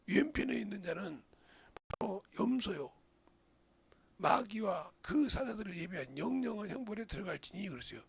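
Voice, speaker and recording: A middle-aged male pastor preaching a sermon with passion, often asking his congregation questions and breaking into loud outbursts. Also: sits high, sing-song, moderate pace, creaky. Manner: asks the congregation questions, interjects "어?".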